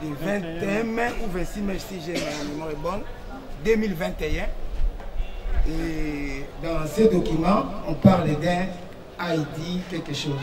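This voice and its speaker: A man's voice: on the high side, a little slow, crowd noise. Guy going over dates at a court hearing, hesitant, far off mic, roomy echo. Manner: methodical, hesitant, restates dates. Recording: echoey room from far off.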